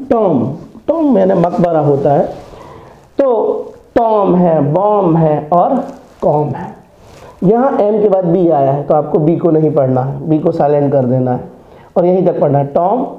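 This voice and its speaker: A male English teacher gives a classroom-style video lesson, chanting word lists in a sing-song rhythm and explaining memory tricks. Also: high voice. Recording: echoey, tinny phone-like sound.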